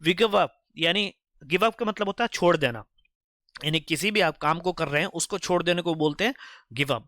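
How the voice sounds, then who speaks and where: Tutor voice: a man explaining phrases, a bit high, close and dry, repeats and self-corrects. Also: fairly bright tone, no room sound. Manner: reads English phrases slowly, then explains them briskly; repetitive, correcting himself as he goes. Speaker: English teacher. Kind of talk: explaining English phrases from a story.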